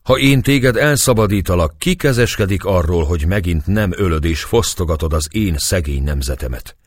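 A man voicing a calm, shrewd priest questioning a prisoner, with a husky voice. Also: sits low, dry recording, clean studio sound. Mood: stern. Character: calm, shrewd Hungarian male priest, sharp and probing.

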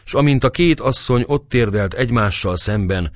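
A man narrating a literary audiobook with expressive storytelling. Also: medium pitch, no room sound. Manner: expressive storytelling, voices characters' shouts.

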